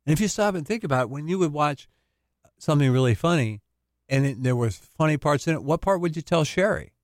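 A man's voice: a little high, animated, fairly quick, no echo, studio quality. A male counselor talking casually on a radio show, explaining and laughing easily. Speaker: family counselor, guest.

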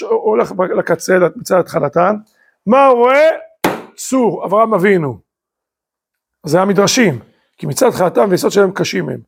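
A man's voice: sits high, gravelly, breathy edge. A man, a rabbi, teaching a Torah class, full of rhetorical questions and emphatic rising bursts. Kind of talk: lively Torah lecture.

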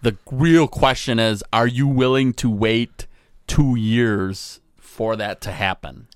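A man co-hosting a casual podcast, talking in a relaxed, measured way and giving advice. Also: mid-range voice, no room sound, clean studio sound. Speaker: podcast co-host. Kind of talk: casual chat.

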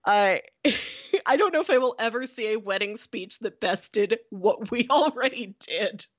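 A woman's voice: a little high, animated, unhurried. A young adult woman co-hosting a podcast, telling a long story in casual chat and filling it with "like". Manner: chatty storytelling with frequent "like". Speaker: podcast co-host.

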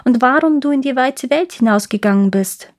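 A woman's voice: high-pitched, moderate pace, pitched above the performer's own voice, lightly acted. A fierce, bossy robber girl, put on by a woman reading a fairy tale aloud. She speaks in a raised, blunt and teasing way, like a wild child who likes to give orders.

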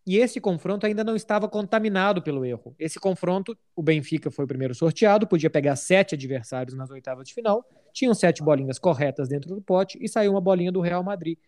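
A man's voice: high-pitched, quick pace, few pauses, a little mellow. A Brazilian man hosting a football podcast in a casual, conversational style. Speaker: podcast host.

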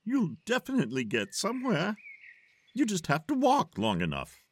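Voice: medium pitch, huge pitch swings, normal speed, slightly rough. An actor playing the grinning, riddling Cheshire Cat in an audio drama, with a teasing, lilting, philosophical manner.

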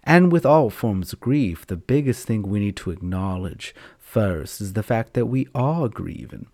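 A man with a campy, theatrical auntie-like manner and drawn-out words, talking casually and unscripted to his podcast listeners. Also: on the low side, lively intonation, dark tone, no room sound, studio quality. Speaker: podcast host and storyteller.

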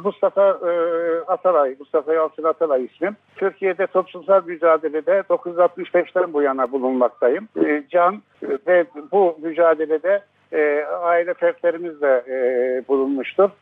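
A man in his seventies talks over a landline phone as a radio guest, his voice sitting a little high for a man. The line is thin and tinny, cutting away the fullness of his voice. He speaks slowly and haltingly, filling gaps with pauses as he gathers his words. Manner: slow and halting, many filler pauses. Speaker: guest, father of a jailed lawyer. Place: at home, on the phone.

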